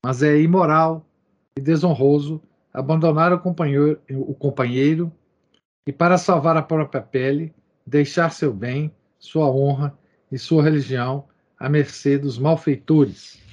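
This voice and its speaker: On a dull lo-fi recording, a man reads quoted passages aloud and comments like a lecturer, breaking in with asides and habitual tags such as "né?". His voice is a little high, fairly even in intonation, at a measured pace.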